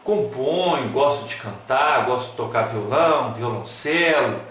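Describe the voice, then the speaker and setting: This online-talk lecturer speaks in a medium pitch and takes his time, his animated, playful delivery full of jokes and questions for the listeners, rhetorical ones included. The room is very echoey, with slight background noise.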